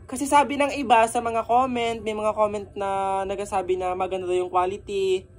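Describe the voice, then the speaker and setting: A woman's voice: medium pitch, little pitch movement, a little fast. Playful woman vlogger. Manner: playful, teasing, coaxing. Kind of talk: casual vlog.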